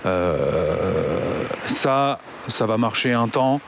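A man's voice: fairly low pitch, expressive, very slow, creaky, a little hiss or hum. A man ranting casually to his audience, blunt and full of swearing and hesitant fillers. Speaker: online business commentator. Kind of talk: casual rant to camera.

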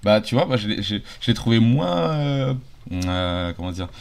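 A man with a very low, deep voice talks casually about a film he has just seen. He hesitates often and restarts his sentences, and his speech is relaxed and conversational. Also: normal speed, vocal fry. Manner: hesitant, many fillers and restarts.

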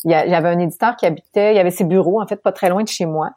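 A middle-aged woman from Quebec with a Québécois accent, telling her story as an interview guest, animated and laughing often. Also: on the low side, very fast, dry recording. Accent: Québécois French. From Quebec, Canada. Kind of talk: candid storytelling in conversation.

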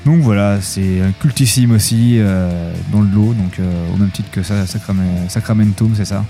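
A man from Nantes co-hosting a music radio show, talking in a laid-back, halting way. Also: fairly low pitch, dark tone. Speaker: radio co-host. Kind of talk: casual radio chat.

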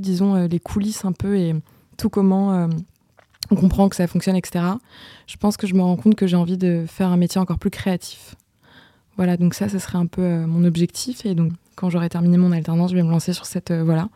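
Young woman student, very mellow dark tone, slightly low voice; measured, hesitant delivery. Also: no echo. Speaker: fashion communication student. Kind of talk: casual spoken testimony.

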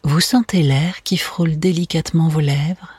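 A meditation guide speaking in a soft, soothing, breathy spa whisper, gently narrating a relaxation exercise. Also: medium pitch, steady tone, normal speed, no echo. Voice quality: breathy, hushed.

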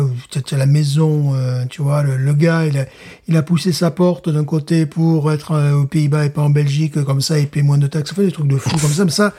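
A man co-hosting a casual conversation in a slightly raised, mellow voice. He talks easygoingly, stumbling over and repeating words as he goes. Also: a little high. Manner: hesitant, repeats words, relaxed. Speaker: podcast co-host. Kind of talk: casual chat.

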